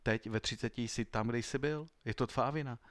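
A man's voice: mid-range voice, dry recording, close to an everyday voice. A man doing a stern little old woman. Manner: quiet, severe, measured.

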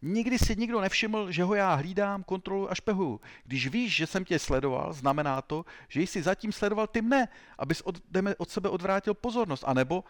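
A man voicing a zealous, self-important male police agent who shouts accusations in an interrogation. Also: medium pitch, lively intonation, pitched above the performer's own voice, lightly acted. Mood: bullying.

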